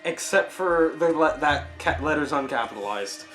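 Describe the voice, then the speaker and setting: A man's voice: fairly high pitch, animated, normal speed, fairly bright tone, faint music behind. A young man hosting a comedic read-through, reading fan fiction aloud in a mocking tone and breaking off to comment.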